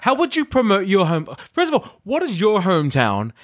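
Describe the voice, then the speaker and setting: A man from New Zealand co-hosting a casual chat, animated and joking, often repeating words as he thinks. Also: high voice, brisk, no room sound, clean studio sound. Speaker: podcast co-host.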